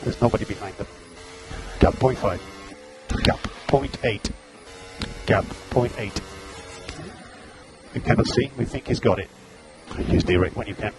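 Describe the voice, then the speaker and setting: A man's voice: on the low side, measured pace, long pauses, music in the background. A man working as race engineer, giving terse, clipped pit radio calls over a team radio link, repeating gaps and status updates. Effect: team radio transmission.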